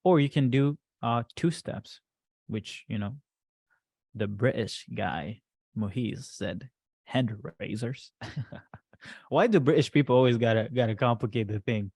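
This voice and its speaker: A man's voice: medium pitch, animated, a little slow, gravelly, long pauses, a little mellow, no room sound. A man in a middle register gives a loose, chatty workshop talk, full of fillers and "right?" asides. The sound is close and dry, with no room in it. He walks a group through material on a shared screen. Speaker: business coach presenting to a group.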